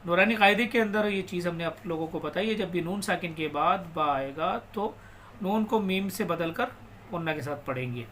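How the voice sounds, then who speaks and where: Man, high bright voice, recitation teacher, slow drawn-out recitation, quick explanations, faint background noise. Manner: repeats words, spelling out letters and vowel marks. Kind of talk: step-by-step recitation lesson.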